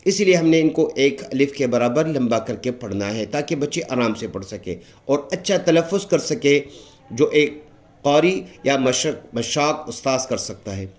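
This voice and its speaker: A man with a Pakistani Urdu accent giving a patient recitation lesson, explaining each letter and repeating it slowly and drawn out. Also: mid-range voice, lively intonation. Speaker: Quran recitation teacher.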